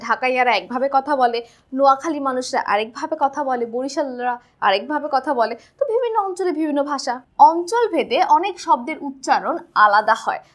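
A woman from Bangladesh teaching a school textbook chapter in a chatty way, often checking with "right?". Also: high-pitched.

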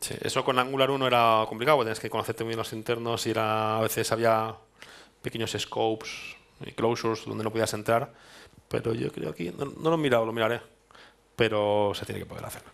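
Fairly quick and gravelly, with a low-side, fairly bright voice and fairly even intonation, a Spanish-accented man from Spain in his thirties gives a technical meetup talk. He thinks aloud with restarts and tag questions before an audience in a dark presentation hall.

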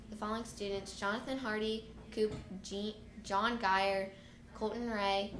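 A woman's voice: mid-range voice, a bit bright, roomy sound, a little hiss or hum. Female school announcer over a PA. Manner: plain read-aloud delivery with small stumbles.

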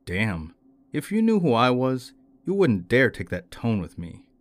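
Man doing a loud, belligerent young drunk. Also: medium pitch, big pitch swings, a little slow, no room sound, pitched above the performer's own voice.

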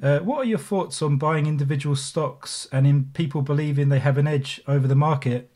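A man in his thirties hosting a podcast, speaking in a relaxed, somewhat hesitant way with many fillers, into a studio microphone. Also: a little high, fairly quick. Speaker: podcast host. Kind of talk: podcast interview. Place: small room at home. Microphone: studio condenser mic with pop filter and headphones.

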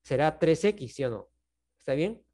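A man with a Peruvian Spanish accent, teaching math over a video call. His voice sits a bit high. He walks through each step patiently and keeps checking that the class is following. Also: lively intonation, normal speed, warm tone. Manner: patient, checks in often with "¿no?" and "¿está bien?". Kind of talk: online class explanation.

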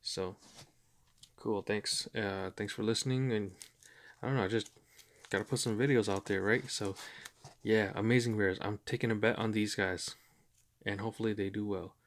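A man talking casually and hesitantly about his collection, in a flat, monotone way with many pauses and fillers. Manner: low-key, hesitant, many ums. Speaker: YouTube card collector. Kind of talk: casual chat.

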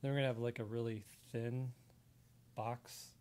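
A man's voice: mid-range voice, steady tone, normal speed, a little mellow. An American man giving a casual live drawing tutorial step by step, his voice heard in one ear only. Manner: explains step by step while sketching. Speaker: drawing instructor, artist. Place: indoor room, live stream at desk. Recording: sound in left ear only.

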